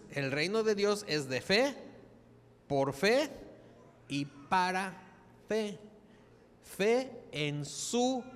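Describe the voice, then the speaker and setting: Lively preacher, high, clear voice. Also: male voice, long reverb tail. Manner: lively, joking, asks the congregation questions. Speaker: pastor. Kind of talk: sermon. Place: church.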